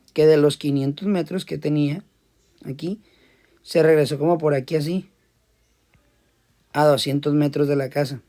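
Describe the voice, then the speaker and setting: A man gives a relaxed physics lesson. He talks loosely and repeats himself as he explains a problem and sketches a diagram for his students. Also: a little high. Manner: casual, repeats words while drawing. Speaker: physics teacher. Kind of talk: casual classroom lecture.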